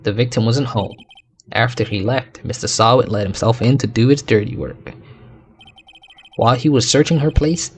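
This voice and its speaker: A man's voice: mid-range voice, slight background noise, natural voice. A man voicing an earnest young game lawyer. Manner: earnest, polite replies. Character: young male defense lawyer, earnest and upbeat.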